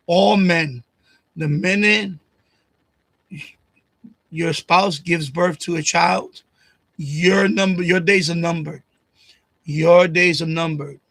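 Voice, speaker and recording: A male livestream host in his late fifties goes on an emotional rant about his family into a desk USB condenser microphone at home. His voice sits high and is a bit bright, with no echo. He rambles and swears, repeats phrases, and pushes his voice higher when upset.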